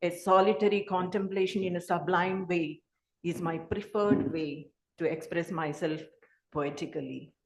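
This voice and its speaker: Slow, measured woman poet. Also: fairly low pitch, steady tone, slight background noise. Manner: slow, measured, formal delivery. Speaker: poet speaking at a literary event. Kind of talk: prepared speech. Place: hall. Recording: echoey hall.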